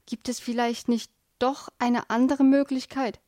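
A woman putting on a cranky little male hamster, sarcastic and whiny, in a storybook reading. The voice is pushed a bit higher than her narration and sounds dry and close. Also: little pitch movement, a little slow, mellow, dry recording, close to an everyday voice. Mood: anxious. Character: grumpy sarcastic male hamster dangling in the dark.

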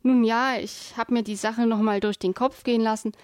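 A woman's voice: on the high side, steady tone, normal speed, darkish tone, clear, resonant tone, no echo, studio quality, lightly acted. A woman voicing a grumpy, sarcastic male hamster who whines and panics while clinging to a branch. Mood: anxious.

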